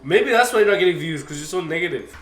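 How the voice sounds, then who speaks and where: A man chatting casually off camera, teasing with quick comebacks. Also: a little high, expressive, fairly bright tone, far from the mic. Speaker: off-camera companion. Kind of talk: casual chat. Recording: roomy, off-mic, faint music.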